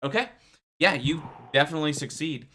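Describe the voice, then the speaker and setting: A man's voice: on the high side, animated, bright, forceful tone. Young man running a tabletop game. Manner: halting, filler-heavy narration. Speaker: game master.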